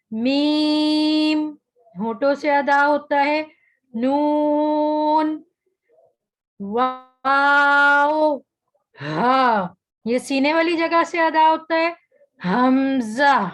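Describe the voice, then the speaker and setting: Lady teacher w a high voice on an online class, stretches out each letter sound, patient explaining. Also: rough recording. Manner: slow, careful pronunciation of each letter. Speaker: Quran recitation teacher. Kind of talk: online tajweed lesson.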